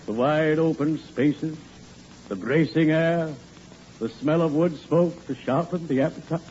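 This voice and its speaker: An actor playing a cheerfully morbid, genteel undertaker in a 1940s radio comedy, with formal, measured, unctuous delivery. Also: male voice, a little high, darkish tone, natural voice. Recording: noisy, dull old radio recording.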